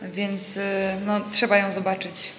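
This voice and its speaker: A young woman chatting through a casual travel vlog, laughing often and filling pauses with hesitations, filmed on a handheld phone. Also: mid-range voice, little pitch movement, over loud music. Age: young adult. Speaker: vlogger. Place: outdoors and in a snack bar, city and seaside. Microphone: handheld phone camera. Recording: loud street noise behind.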